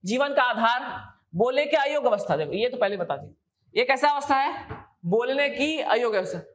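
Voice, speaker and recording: Female coaching-class teacher with a higher pitch, keeps asking students questions back. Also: expressive, normal speed. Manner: repeats key terms, quizzes students with questions. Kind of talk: exam coaching lecture.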